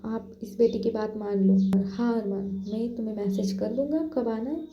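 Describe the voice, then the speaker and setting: A woman's voice: on the high side, dark tone, roomy sound, natural voice. A woman voicing a brash, bossy teenage boy who talks bluntly and in a hurry. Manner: blunt, hurried.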